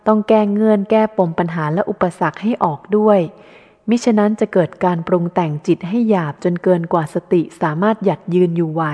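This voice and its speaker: A woman reading a reflective first-person book aloud in a calm, measured way. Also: medium pitch. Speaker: audiobook reader. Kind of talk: scripted first-person narration. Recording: dull lo-fi audio with long reverb.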